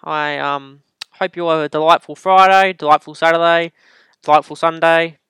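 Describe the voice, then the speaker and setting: A man's voice: a little high, steady tone, moderate pace, pushed and bright, clean tone, no room sound. A young Australian man hosting a casual podcast, rambling and correcting himself as he gives racing tips from a room at home. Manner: rambling, self-correcting, joking. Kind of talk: casual solo podcast chat.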